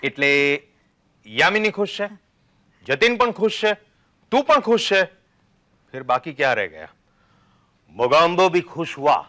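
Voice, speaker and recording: A pushy, joking middle-aged suitor in a stage drama, with a bright, fairly high voice that leaps up and down as he coaxes and teases. He talks fast and playfully, half mocking and half eager, always nudging toward a quick wedding. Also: big pitch swings, full character voice. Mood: teasing. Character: teasing, impatient middle-aged man eager to marry his lover. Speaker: stage actor. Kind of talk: stage play acting.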